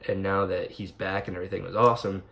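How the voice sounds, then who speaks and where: A young man giving a casual, rambling movie review to camera, excited and swearing often with lots of fillers. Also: low voice, fast talker, gravelly.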